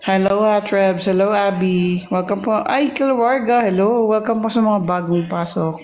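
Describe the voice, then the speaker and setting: A woman's voice: medium pitch, measured pace, darkish tone, a little hiss or hum. A woman hosting a casual livestream off camera, chatting, greeting and thanking viewers, and teasing them playfully. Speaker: livestream host. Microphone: phone, off camera voice-over.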